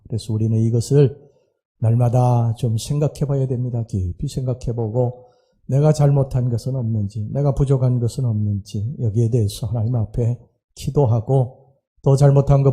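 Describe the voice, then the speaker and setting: Husky, dark-voiced male pastor preaching. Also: medium pitch. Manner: earnest preaching with emphatic rises and quieted asides. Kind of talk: sermon. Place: church sanctuary.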